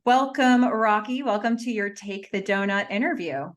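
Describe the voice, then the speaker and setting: A woman's voice: medium pitch, moderate pace. A woman hosting an interview as a motivational speaker, enthusiastic and upbeat. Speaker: host, motivational keynote speaker.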